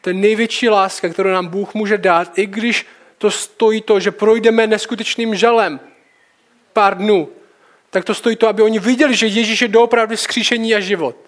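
A man's voice: high-pitched, fairly even intonation, fairly bright tone. A man preaching a sermon, reading Bible verses aloud and breaking off into casual, colloquial commentary. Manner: reads scripture, then comments casually.

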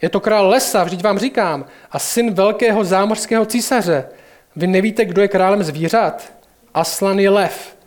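A man's voice: high voice, natural voice. A man reading aloud as an earnest, proud talking male beaver from a storybook.

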